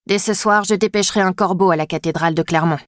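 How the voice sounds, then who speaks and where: A woman's voice: lowish voice, quick pace, no room sound, clean studio sound, natural voice. A woman voicing a stern, arrogant male riding master in an audiobook, speaking in curt, commanding tones. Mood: haughty.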